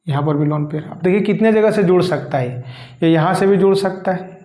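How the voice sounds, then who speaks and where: A man teaching chemistry, asking questions and answering them slowly himself. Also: high voice, dark tone. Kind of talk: classroom lecture. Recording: echoey room.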